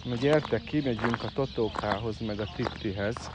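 A man's voice: medium pitch, heavy background noise. Man coaxing farm animals outdoors. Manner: coaxing, calling out loudly to animals. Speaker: farm animal keeper live-streaming. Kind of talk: casual live stream chatter with animals. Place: outdoors in a farmyard. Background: birds and chickens.

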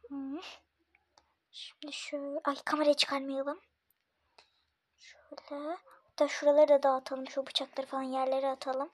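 A woman's voice: high-pitched, monotone, fairly quick. A woman playing a prank, whispering sneaky, mischievous asides.

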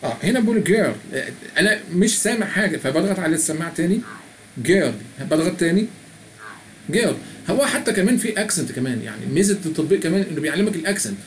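Man, Egyptian Arabic accent, middle-aged, rapid-fire, slightly high voice, faint room hum. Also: big pitch swings. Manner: chatty, reads app prompts aloud and explains. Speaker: tutorial presenter. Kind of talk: screen-recorded app walkthrough.

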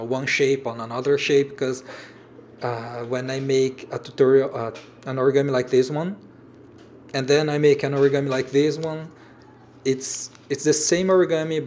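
Hosting a livestream from an indoor home room lined with shelves, a Brazilian origami designer in his thirties reads and chats about viewer comments. His mid-range voice is a little mellow, with a slight hiss or hum. Portuguese is his first language, so he keeps pausing to find English words and restarting phrases.

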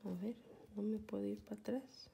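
Off screen at home, a woman who vlogs about couponing records a phone screen with her phone camera while walking viewers through a relaxed, talkative tutorial and checking in with them regularly. She speaks a little fast in a warm, gravelly, mid-range voice with little pitch movement. There's a slight hiss or hum.

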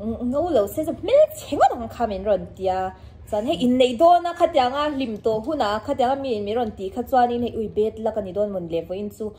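A woman's voice: on the high side, expressive, fast talker, dark tone. A young woman vlogging casually about her wedding, chatty and rambling, often laughing as she talks. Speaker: vlogger, half of a married couple. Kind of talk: casual chat.

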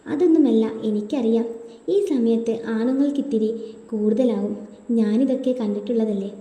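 Doting middle-aged mother-in-law, read by a woman, coaxing manner, mellow dark tone, roomy echo with long reverb. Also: fairly high pitch, moderate pace, close to an everyday voice.

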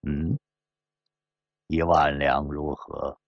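A man voicing a sly, grudging male gambler who talks low and mutters hesitantly. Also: little pitch movement, drawn-out words, dry recording, lo-fi sound, exaggerated voice.

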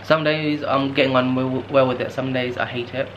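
A tired young travel vlogger with a sore throat rambles to camera in a casual solo vlog, his mid-range voice flat, at normal speed, a bit bright, with lo-fi sound. He holds the handheld camera at arm's length, which picks up clear background noise, first in a guesthouse room indoors and later on a noisy narrow street at night.

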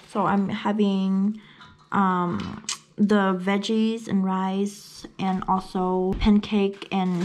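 Holding her phone camera at arm's length, a young woman vlogger chats loosely from a small bedroom and a parked car. Her voice sits mid-range, with a little hiss or hum in the recording, and her talk wanders, full of fillers.

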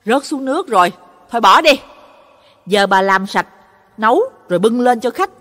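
A woman's voice: fairly high pitch, animated, normal speed, long reverb tail. Woman doing a grumbling dog butcher. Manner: loud, grumbling. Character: gruff middle-aged male dog butcher.

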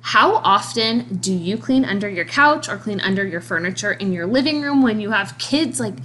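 A woman's voice: mid-range voice, animated, normal speed, pushed and bright, a little hiss or hum. A woman in her thirties narrating a cleaning vlog in a chatty, enthusiastic voice-over, laughing now and then. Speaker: cleaning vlogger. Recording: faint background music.

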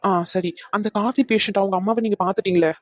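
A woman's voice: mid-range voice, fast talker, no room sound, close to an everyday voice. A woman voicing a practical hospital doctor in a cartoon dub, matter-of-fact in tone.

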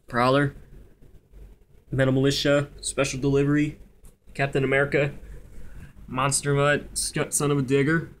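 Hushed young man, keeping quiet at night. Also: medium pitch. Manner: hushed, speaking quietly at night so as not to wake others. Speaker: toy collector showing his collection. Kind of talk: casual collection walkthrough, listing items. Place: carpeted room at home. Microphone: handheld camera, held by the speaker.

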